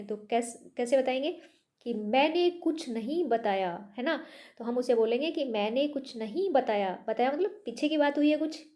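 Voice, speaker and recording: Woman, teacher, high voice, mellow tone, slow deliberate reading, patient explaining. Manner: mixes English words into Hindi explanations. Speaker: Hindi teacher. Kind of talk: grammar lesson, reading example sentences aloud.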